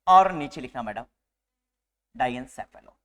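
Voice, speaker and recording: A man teaching a live nursing class to a room of students, lively and teasing, mixing English medical terms into his speech. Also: mid-range voice, a little slow. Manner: animated, teasing, mixes Hindi with English terms.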